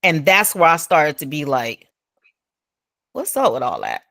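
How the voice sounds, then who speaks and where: A woman tells a story with a lively, swooping voice that jumps up when she acts out what others said. Her speech is informal and easygoing, with dropped verb endings. The sound is dry and close, with no room around it. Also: unhurried, no room sound. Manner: animated, acts out quoted speech with big pitch jumps. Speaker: storyteller recounting an incident. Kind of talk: casual retelling.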